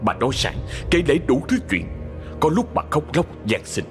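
A man narrating a ghost story in a dramatic scripted style, slowing for suspense. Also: mid-range voice, huge pitch swings. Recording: husky voice in long reverb with music.

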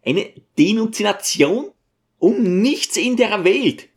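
A flustered, timid schoolteacher, as a man puts him on, stammers and stumbles over his words. The voice sits high above the reader's own and swings about nervously, pitched up in alarm. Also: very animated, takes it slowly, full character voice. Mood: agitated. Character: agitated timid male schoolteacher.

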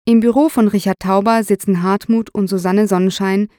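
Brief: female narrator, measured scripted reading, dry studio. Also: mid-range voice, steady tone, warm tone, no room sound. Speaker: audiobook narrator.

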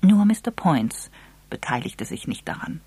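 A narrator reading a story aloud in an even, measured way. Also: medium pitch, husky. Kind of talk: audiobook narration.

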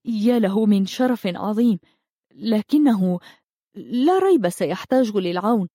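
Shy gentle village guy in a story, read by a woman, warm and dry sound. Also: mid-range voice, brisk, no room sound, natural voice. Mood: eager. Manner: gentle, eager. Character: shy kind young villager man.

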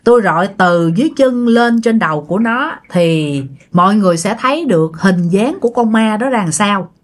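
Woman voicing a solemn elderly shaman in a spoken ghost story, slow, grave. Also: medium pitch, lively intonation, lightly acted. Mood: instructing. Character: older village shaman, grave and weary.

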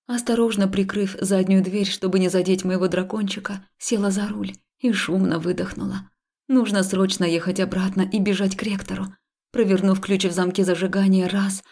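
A woman reading a first-person fantasy audiobook in a steady, measured storytelling way. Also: mid-range voice. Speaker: audiobook narrator.

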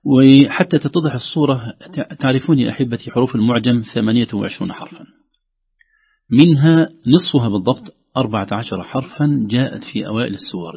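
Speaking quickly in a mid-range voice that is creaky with a breathy edge, a man teaches Quran recitation over the radio. He explains each step and elongates sounds to model them in this tajweed lesson, heard through dull, lo-fi radio audio.

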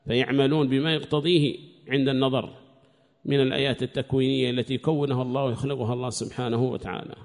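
A man teaching a scripture commentary lesson in a quick, gravelly voice that sits a little high. He explains patiently and circles back to repeat key phrases as he reasons aloud. His voice carries a long echo, as if recorded in a large hall. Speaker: religious teacher.

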